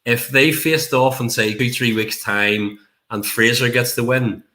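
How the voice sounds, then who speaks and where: A man's voice: medium pitch, steady tone, measured pace, sharp tone. A Northern Irish man speaking as a podcast guest in a casual wrestling discussion. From Northern Ireland. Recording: echoey room.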